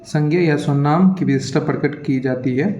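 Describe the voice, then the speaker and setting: Guy teacher rushing through exam answers, slightly high voice, echoey room, kinda muffled. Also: warm tone, slight background noise. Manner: repetitive, keeps checking in with "theek hai"; hurried, reads questions aloud then explains. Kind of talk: explaining an exam paper to students. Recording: echoey room, dull lo-fi sound.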